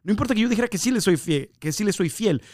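Animated man on a dry podcast mic. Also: sits high, fast talker, no echo. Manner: animated, repeats words, often laughs, addresses listener directly. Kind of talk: casual spoken reflection on scripture.

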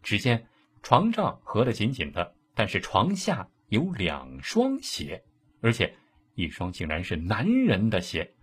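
Guy telling an old crime tale, low husky voice, really animated. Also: unhurried. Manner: lively, colloquial, dramatic asides. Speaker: storyteller. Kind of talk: casual storytelling.

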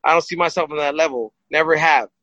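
A man who is a boxer, telling stories as a guest in a casual, rambling and animated way, often repeating himself. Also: fairly high pitch, quick pace, no echo, muffled recording. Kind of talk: casual storytelling. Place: studio set, live stream.

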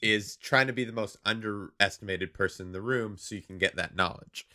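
A man hosting a comedy podcast, joking in a deadpan way. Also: lowish voice, a little fast. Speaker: podcast host. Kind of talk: casual comedic chat.

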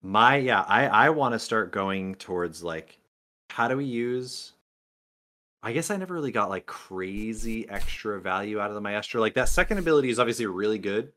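Low-voiced man musing over a game. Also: expressive, normal speed, bright, forceful tone. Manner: musing, thinking aloud. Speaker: podcast participant playing a card game. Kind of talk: casual gameplay chat.

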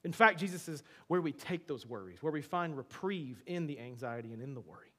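Male pastor, fairly high voice, chatty sermon delivery that swings from quiet asides to loud emphasis, questions to the room. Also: lively intonation, fairly quick. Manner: conversational, with frequent rhetorical questions to the congregation; shifts between soft asides and emphatic bursts. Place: church before a congregation.

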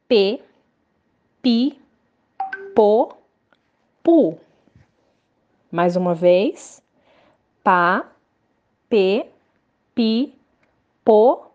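A woman teacher, speaking slowly and patiently to young children in a lesson podcast. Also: medium pitch, a little mellow, lo-fi sound. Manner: slow, patient, sing-song explaining to young children.

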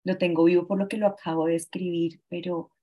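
A woman in her forties, a guest telling a painful personal story in an earnest, halting way, often restarting her sentences. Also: lowish voice, little pitch movement, muffled recording. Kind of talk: emotional personal account.

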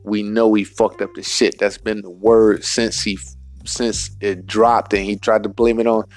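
Low-voiced man ranting in street slang. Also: flat delivery, soft background music. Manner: profane, emphatic street slang; repeats points, spells words out slowly. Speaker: podcast host. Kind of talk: solo podcast rant.

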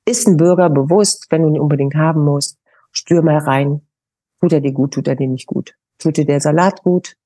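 A middle-aged woman gives a podcast interview, coaching the listener in an emphatic, coaxing way. Her voice is husky and mellow and sits fairly low. It sounds close and dry. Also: moderate pace, dry recording. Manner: emphatic, coaxing advice with direct address. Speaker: naturopath guest.

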